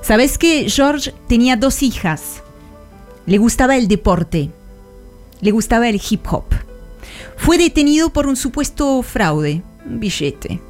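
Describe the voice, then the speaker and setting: A woman columnist narrating a radio segment on history in a slow, dramatic storytelling manner. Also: on the high side, big pitch swings, darkish tone, soft background music. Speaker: international affairs columnist.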